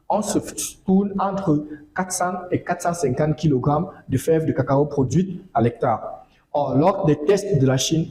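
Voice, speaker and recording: Casting: male farming educator, fairly high voice, mellow, unhurried, echoey room. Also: a little hiss or hum. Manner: measured, repeats phrases and uses fillers. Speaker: agricultural educator. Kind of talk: informative monologue.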